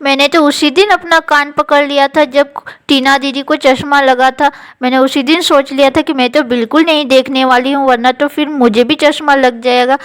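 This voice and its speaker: A woman's voice: high-pitched, fairly even intonation, moderate pace, few pauses, fairly bright tone. A woman voicing an eager little girl doll who explains things earnestly.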